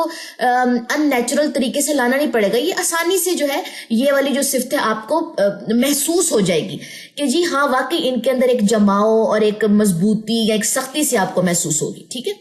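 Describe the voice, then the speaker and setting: A woman teaching a Quran recitation lesson, explaining patiently and drawing out letter sounds slowly in drills. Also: sits high, animated. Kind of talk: slow tajweed lesson with drawn-out recitation drills.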